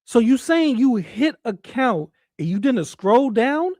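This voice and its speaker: A woman with a dark, mellow tone and a close, dry sound. She comments and argues casually on a livestream, blunt and emphatic, swearing in open disbelief. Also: fairly high pitch, sing-song, takes it slowly, no room sound.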